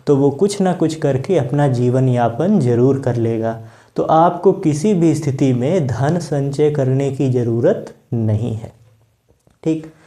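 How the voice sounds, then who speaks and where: A man teaching a Hindi grammar lesson, explaining patiently, repeating key words and reciting verse lines slowly. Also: on the high side, mellow.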